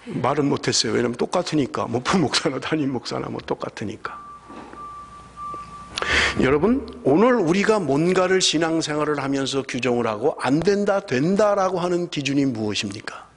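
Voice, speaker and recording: A man's voice: on the high side, moderate pace, slight background noise. A middle-aged man from South Korea preaching a sermon as a pastor, telling personal stories and building to emphatic exhortation. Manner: animated storytelling, rising to emphatic exhortation. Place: church sanctuary. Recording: long church hall reverb.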